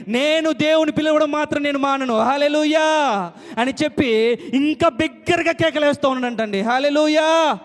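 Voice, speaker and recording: A man preaching a sermon in a repetitive chanting cadence, his phrases dropping low at the ends. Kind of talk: Telugu sermon. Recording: long hall reverb.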